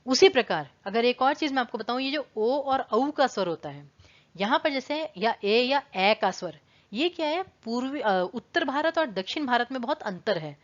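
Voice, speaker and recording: A woman's voice: fairly high pitch, expressive, moderate pace, muffled recording. A woman teaching an online exam-prep lesson, explaining patiently and repeating words to contrast their pronunciation. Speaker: Hindi teacher.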